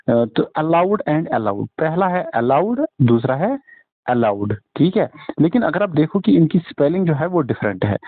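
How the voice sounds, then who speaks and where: A man's voice: a little high, no room sound. A man with an Indian English accent teaching an exam-prep lecture, switching between Hindi and English and spelling words out letter by letter. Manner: mixes Hindi and English, frequent fillers and restarts. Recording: dry, tinny phone-like audio.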